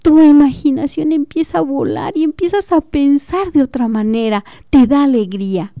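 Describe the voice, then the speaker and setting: A woman's voice: sits high, normal speed, mellow, no room sound, studio quality, pitched above the performer's own voice. Woman voicing a sweet stubborn little girl. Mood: childlike. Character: young girl selling a cloud, sweet and stubborn.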